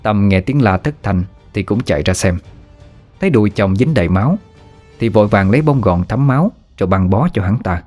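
A man reading a ghost story aloud in a steady, measured narration, over faint music. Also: on the low side. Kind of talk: scripted horror story narration.

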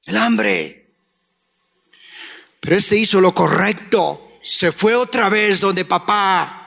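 A man preaching a sermon as pastor, swinging into shouts and sung lines. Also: high voice, expressive, slow, gravelly. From Colombia. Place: church hall. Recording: live church recording with long reverb.

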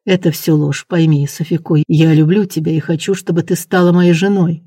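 A reader voicing a passionate young prince who speaks quietly in a low chest baritone. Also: steady tone, normal speed, slightly rough, no echo, studio quality, natural voice. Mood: pleading.

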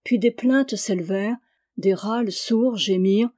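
A woman reading a historical adventure novel aloud as an audiobook, in a steady, measured storytelling manner. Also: mid-range voice. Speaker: audiobook reader.

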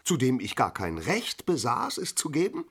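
An actor playing a cold, rigid middle-aged aristocratic husband in a radio drama, speaking stiffly and curtly, with outbursts of shouting. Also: male voice, medium pitch, wildly swooping pitch, moderate pace, slightly rough, full character voice. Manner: stiff and curt, erupting into shouting.

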